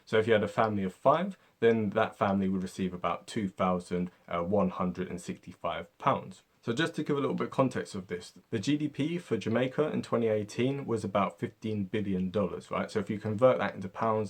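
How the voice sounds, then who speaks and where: British guy talking through history stuff, lowish husky voice, keeps saying right and you know. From Britain. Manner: conversational, lots of fillers like "right?" and "you know". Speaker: history video host. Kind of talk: casual explainer.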